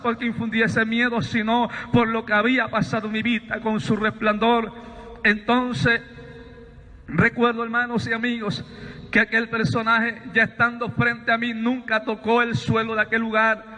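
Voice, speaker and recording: Male preacher, strikingly high voice, narrow pitch range, fervent testimony. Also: sharp tone, in a large hall. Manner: fervent, repeatedly addresses listeners as brothers and friends. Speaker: preacher giving a personal testimony. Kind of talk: emotional spoken testimony.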